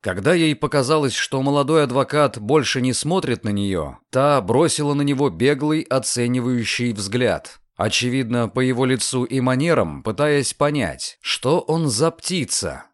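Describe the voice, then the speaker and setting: A man narrating a novel as an audiobook, with an expressive reading. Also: medium pitch, normal speed, hardly any pauses, no room sound, studio quality.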